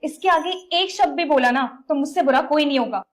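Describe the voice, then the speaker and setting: Woman voicing an indignant young wife, scolding, high voice. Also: brisk, lightly acted. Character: defiant young wife standing up for her father.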